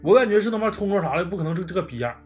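A man's voice: high voice, expressive, racing, a little mellow, soft background music. Northeastern Chinese man, blunt storyteller. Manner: blunt, swears freely, colloquial. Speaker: podcast storyteller. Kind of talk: casual storytelling chat.

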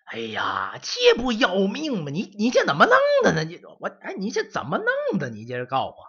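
A man's voice: huge pitch swings, a little fast, fairly bright tone, breathy edge, heavily acted. A man voicing a fussy old male castle caretaker who scolds, stammers and sighs in exasperation. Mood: scolding. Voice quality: high strained scolding voice. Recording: dull lo-fi audio.

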